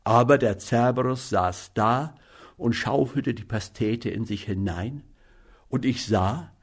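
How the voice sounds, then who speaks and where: Slow, husky male narrator. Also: medium pitch. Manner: measured, even storytelling. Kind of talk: audiobook narration.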